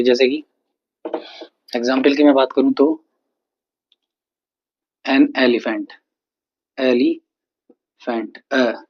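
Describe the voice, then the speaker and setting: A man teaching an English grammar lesson, explaining slowly and repeating words with frequent checks. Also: medium pitch. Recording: dull lo-fi recording.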